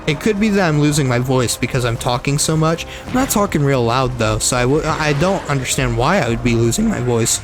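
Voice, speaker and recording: Music plays behind this young male streamer, whose mid-range voice is lively and brisk, with hardly any pauses. He gives casual, nonstop commentary on a shooter game, rambling, repeating and fixing his words, with a slight frog in his throat.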